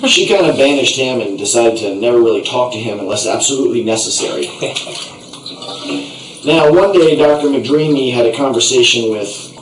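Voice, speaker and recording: Speaking at a normal speed in a mid-range voice, a man plays a puppet show narrator, spinning an improvised comic tale with rambling, theatrical playfulness. It's captured from a bathtub in an echoey bathroom through a distant, noisy mic, water splashing audibly.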